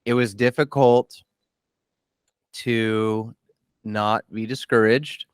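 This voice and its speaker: Man, 30s, deep-ish smooth voice, dry close mic, casual interview host, candid, halting. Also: fairly even intonation, no room sound. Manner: candid, self-deprecating, halting with many restarts. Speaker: podcast host and athlete.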